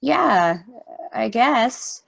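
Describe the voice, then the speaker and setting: Awkward, questioning young woman played by an actress, slow delivery, dry skepticism, table-read drama. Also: a little high, lively intonation, vocal fry, exaggerated voice. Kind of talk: amateur play reading.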